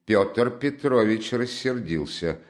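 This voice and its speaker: A man reading a classic novel aloud at a measured, even pace. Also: fairly low pitch. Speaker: audiobook narrator.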